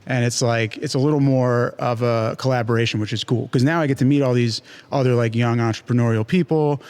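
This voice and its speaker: A young man talking easily as a guest on an interview show. His pitch sits in the middle, and his delivery is loose and chatty, full of fillers and casual slang. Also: brisk, clear, resonant tone. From born in Chile, raised near New York City. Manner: relaxed and chatty, many fillers like "like" and "you know". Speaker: guest, pizza shop owner.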